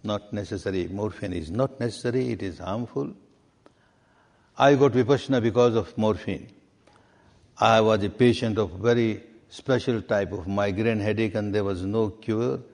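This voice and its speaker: A man teaches meditation and answers questions at a steady, measured pace. He leans on repetition, going back over key words to drive them home. His voice carries the long reverb of a large hall. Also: on the low side, creaky. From Myanmar. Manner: deliberate, repeats key words for emphasis. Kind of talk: answering questions in a spiritual talk.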